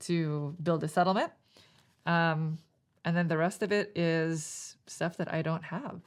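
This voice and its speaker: A woman's voice: deep voice, fairly even intonation, measured pace. A woman co-hosting a board game playthrough, chatty and friendly as she explains rules and scoring. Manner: friendly, chatty, reacts with delight.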